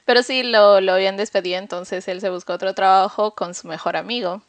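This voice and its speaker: Casting: woman podcast host, self-mocking storyteller, mid pitch, dry close mic. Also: steady tone, fairly quick, no room sound. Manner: confessional, self-mocking, many fillers. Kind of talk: casual storytelling chat.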